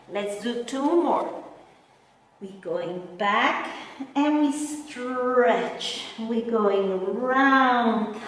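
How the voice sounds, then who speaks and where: A woman working as a Pilates instructor, guiding a mat class with step-by-step cues and counts in a gentle, encouraging manner. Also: high voice. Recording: very echoey, reverberant room, distant mic.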